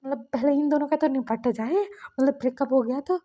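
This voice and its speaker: A woman's voice: sits high, brisk, highs cut off, lightly acted. A woman reading a story aloud and voicing a puzzled young man who worries about his relatives' fight.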